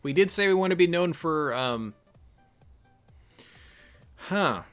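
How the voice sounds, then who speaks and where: A man's voice: a little high, expressive, takes it slowly, fairly bright tone, soft background music. A man reading a text game aloud and thinking through his choices in a chatty let's-play style. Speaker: gamer reading and playing an interactive text game. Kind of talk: let's-play narration with casual commentary.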